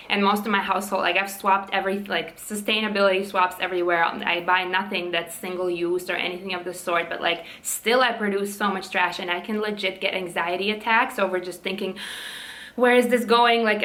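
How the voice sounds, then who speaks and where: A young woman speaks straight to camera in a casual vlog. Her voice is bright and forward, and she talks in quick, impassioned bursts with plenty of fillers. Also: mid-range voice. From Latvia. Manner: impassioned, rapid with many fillers. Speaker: vlogger.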